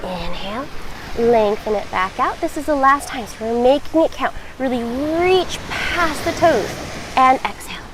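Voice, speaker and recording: A woman teaching a guided yoga class, giving encouraging, reassuring, measured cues as the instructor. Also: sits high, expressive, noisy background.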